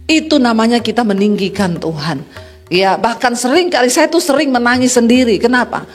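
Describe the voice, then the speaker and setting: A woman pastor preaches with emphatic force, firing off rhetorical questions and drawing an amen from the congregation. Her voice sits a little high, with soft music playing underneath. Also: animated, a little fast. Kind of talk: sermon.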